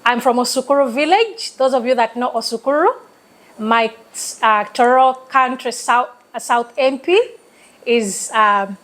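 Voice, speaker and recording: A woman from eastern Uganda with a Ugandan accent, a talk show guest who speaks earnestly and deliberately, like giving a speech. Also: fairly high pitch, fairly bright tone, poor audio.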